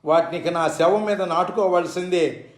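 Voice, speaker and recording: A man's voice: high-pitched, moderate pace, close to an everyday voice. A man voicing a stubborn male devotee who refuses to come and then breaks down in grief, in an echoey room. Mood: anguished. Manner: sulky, then distraught.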